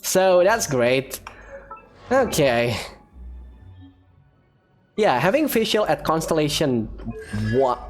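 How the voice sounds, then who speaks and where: A video game streamer rambles and thinks aloud in casual, chatty commentary for viewers. The mid-range voice is sing-song, taking things slowly with frequent pauses, while video game music plays behind it.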